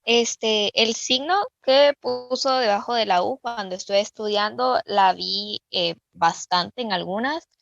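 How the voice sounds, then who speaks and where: Slow, gravelly woman student on a call. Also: medium pitch, fairly bright tone, no room sound, dull audio. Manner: hesitant, with "este" fillers. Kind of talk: asking a question in class.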